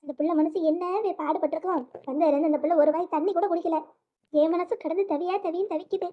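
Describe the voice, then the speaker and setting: A tearful young daughter, voiced high and quick by a performer, pleading softly and apologizing. The voice sits very high and moves fast. It comes through a thin, phone-like channel. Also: steady tone. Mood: worried. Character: grieving young woman, gentle and apologetic daughter. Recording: tinny phone-like sound.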